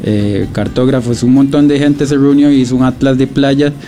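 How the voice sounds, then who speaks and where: A Costa Rican man being interviewed about his beach project, speaking thoughtfully with many pauses and restarts. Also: medium pitch, steady tone, noisy background. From Costa Rica. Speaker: guest, beach documentary project creator. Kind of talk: radio interview, casual.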